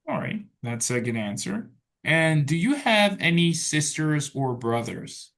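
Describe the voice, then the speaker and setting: A man teaching an English class, talking in a relaxed way full of fillers like "so" and "okay". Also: a little high, unhurried, vocal fry. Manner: relaxed, filler-heavy, says "so" and "okay" a lot. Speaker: English tutor. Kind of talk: online tutoring class.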